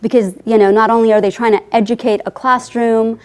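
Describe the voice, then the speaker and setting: Speaking fairly quickly in a higher, steady voice, this Afghan-born author in her forties, whose first language is Farsi, recounts her life story during an interview. She is earnest and heartfelt, frequently dropping in "I mean."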